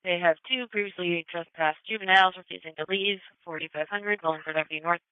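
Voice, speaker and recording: A man's voice: high-pitched, quick pace, smooth, no echo. Man dispatching over police radio. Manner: clipped, formal radio codes. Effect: police radio transmission. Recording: tinny, narrow radio band.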